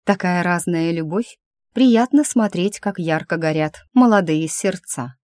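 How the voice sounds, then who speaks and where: A woman voicing a regal older woman, a stately mother-in-law, who speaks in an unhurried way in a storybook reading. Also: lowish voice, darkish tone, no room sound, clean studio sound, close to an everyday voice. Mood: admiring.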